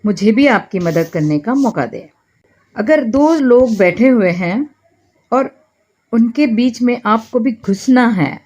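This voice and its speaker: A woman teaching spoken English phrases, saying them slowly and deliberately for learners to repeat. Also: mid-range voice, darkish tone, lo-fi sound. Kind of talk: bilingual language lesson.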